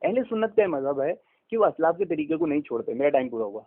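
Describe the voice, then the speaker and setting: A man with an Indian Urdu accent argues hard in a religious debate, lecturing and accusing his opponent. His voice sits fairly high. It comes through a tinny, phone-like line. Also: sing-song, gravelly. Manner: accusing, lecturing, cites scholars.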